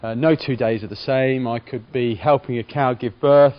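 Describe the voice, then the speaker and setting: A farm veterinarian answers interview questions in a measured, professional manner, explaining things carefully and plainly. His medium-pitched voice stays steady. The recording has no echo but sounds a little dull and lo-fi.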